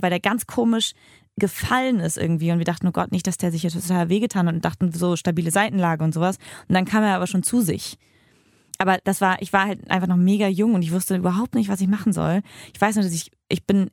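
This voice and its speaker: A woman's voice: on the low side, a little mellow, dry recording, clean studio sound. A woman hosting a podcast, telling stories in a blunt, emphatic way and swearing freely. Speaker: podcast host. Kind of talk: casual chat.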